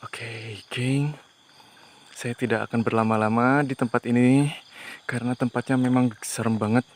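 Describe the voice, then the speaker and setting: A man hosting a ghost-hunting vlog outdoors at night, talking to viewers in a tense, hushed way as he explores. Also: mid-range voice, steady tone, normal speed. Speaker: paranormal investigator host.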